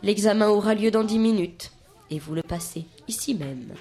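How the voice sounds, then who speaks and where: A woman voicing a gloomy old male schoolteacher who sighs in a low voice. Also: moderate pace, mellow, lightly acted. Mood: mournful.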